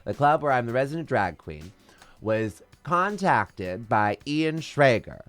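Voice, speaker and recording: A man who performs as a drag queen tells stories in a casual interview, his medium-pitched voice strong, theatrical and flamboyant. He speaks unhurriedly in a sing-song way with big swoops and a fairly bright tone. Faint music plays behind him.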